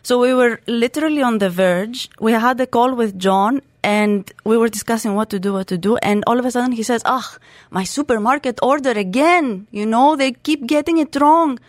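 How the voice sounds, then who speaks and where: Speaking at a normal speed in a fairly high voice, this woman in her thirties from Crete, Greece, appears as a guest in a radio studio interview. She co-founded a startup and talks chattily, often using fillers and starting over. There's no audible room sound.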